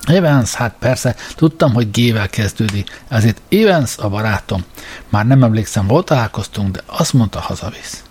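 A man voicing a tipsy, good-natured young gentleman who rambles and forgets things, as an audiobook character. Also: on the low side, animated, breathy edge. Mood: rambling. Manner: effusive, forgetful, blustering.

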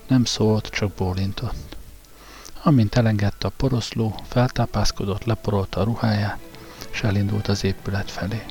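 A man narrating a dramatic story as an audiobook, in a steady storytelling manner. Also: on the low side, soft background music.

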